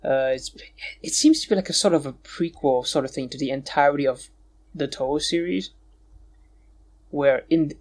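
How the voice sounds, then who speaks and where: A man co-hosting a podcast, chatting casually, joking and bickering and swearing freely. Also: on the high side. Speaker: podcast co-host. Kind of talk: casual chat.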